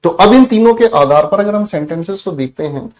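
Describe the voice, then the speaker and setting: A man's voice: sits high, lively intonation, fairly quick. A man with a Hindi accent teaching English grammar online, talking affectionately to his students and dropping in playful asides. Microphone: headset or studio mic.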